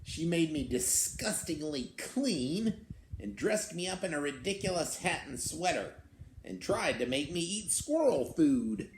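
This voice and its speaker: A man's voice: on the high side, big pitch swings, a little slow. A man voicing an indignant little wild beast from a picture book, telling its tale in a theatrical, aggrieved way. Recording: roomy echo, some background noise.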